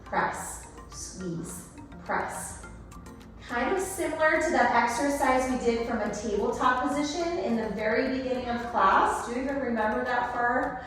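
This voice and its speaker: A woman's voice: high voice, brisk, fairly bright tone. A woman leading a workout as an aerobics-style Pilates instructor, cueing moves and counting down reps in an encouraging, instructive way. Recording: echoey room, distant, music behind.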